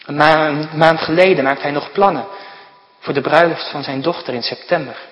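A man's voice: a little high, steady tone, normal speed, fairly bright tone. A man preaching a sermon to his congregation, earnest and urging, with repeated direct calls to his listeners. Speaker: pastor. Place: church. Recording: church hall reverb.

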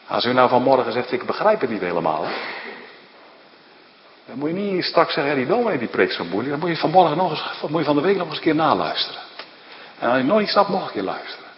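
A pastor preaches an impassioned sermon in a church hall, talking quickly with big pitch swings that move between loud, rising declarations and low, hushed questions. The recording is muffled, with slight background noise and the long reverb of the echoey hall.

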